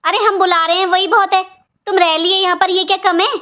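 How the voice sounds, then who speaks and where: A woman voicing a harsh, stingy aunt in a cartoon, scolding in a sharp-tongued way. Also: extremely high pitch, fairly even intonation, a little fast. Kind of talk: cartoon voice acting.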